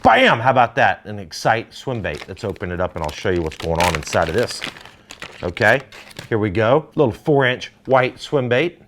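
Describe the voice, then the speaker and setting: A middle-aged man, hosting a fishing gear demo in an energetic, salesy way. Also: lowish voice, normal speed, a little hiss or hum. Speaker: fishing show host. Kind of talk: product demo talk.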